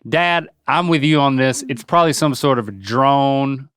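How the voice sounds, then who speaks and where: A man's voice: medium pitch, moderate pace, a bit bright, clear, resonant tone, no room sound, studio quality. A man chatting casually as a co-host in a conversational, wry way. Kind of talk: casual chat.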